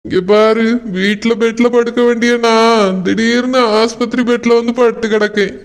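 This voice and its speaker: A man voicing a gentle, worried village husband lying in a hospital bed in a cartoon, with a Tirunelveli Tamil accent, talking weakly and sorrowfully. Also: extremely high pitch, little pitch movement, normal speed, smooth. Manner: weak, sorrowful, soft-spoken. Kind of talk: cartoon voice acting. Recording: long reverb.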